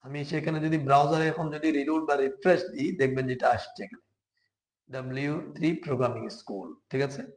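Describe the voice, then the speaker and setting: A man's voice: medium pitch, fairly even intonation. Patient male coding teacher, echoey room. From Bangladesh. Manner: slow, patient, step-by-step, often asks "ঠিক আছে?". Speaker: programming teacher. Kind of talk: live screen-share coding class.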